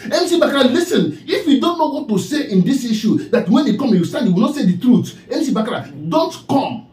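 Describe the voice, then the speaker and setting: High-voiced Nigerian man scolding preachily. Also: very animated, brisk, a little mellow, echoey room, poor audio. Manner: preachy and scolding, repeats the name he addresses. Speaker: online commentator. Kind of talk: scolding commentary monologue.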